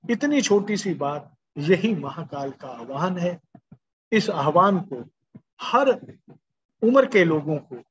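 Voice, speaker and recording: A man's voice: a little high, slight background noise. An older man giving a spiritual discourse, repeating his calls to rise in chant-like refrains. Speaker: spiritual speaker. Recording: dull lo-fi recording.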